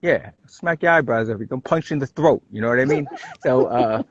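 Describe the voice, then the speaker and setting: Halting Brooklyn man on a lo-fi stream. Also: mid-range voice, a little hiss or hum. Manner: halting, many fillers and restarts, laughs easily. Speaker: guest. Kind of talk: casual livestream chat.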